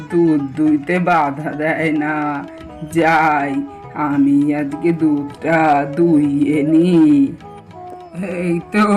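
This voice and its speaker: Brief: male actor doing a kindly, stubborn old grandma for a doll cartoon, very slow and drawn-out, slightly high. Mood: calm.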